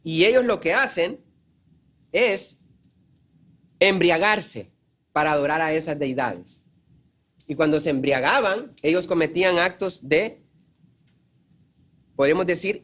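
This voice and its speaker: A man preaching a sermon in an earnest teaching tone, repeating key phrases and often clearing his throat. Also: on the high side, fairly bright tone.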